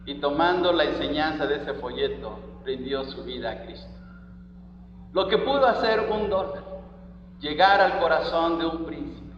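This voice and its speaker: A man's voice: on the high side, normal speed, dull audio, slight background noise. A man preaching a sermon as pastor, reading scripture with emphatic stress on each phrase, recorded in a church hall.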